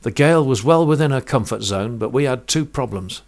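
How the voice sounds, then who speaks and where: A man narrating a first-person sea story in a vivid, measured way, rich with sailing terms. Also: mid-range voice, lively intonation.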